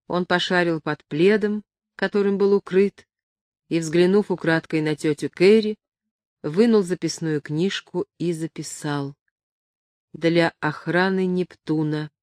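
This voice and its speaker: A woman reading a novel aloud as the narrator, in an even, measured way. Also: fairly low pitch, dry recording, clean studio sound. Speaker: audiobook narrator.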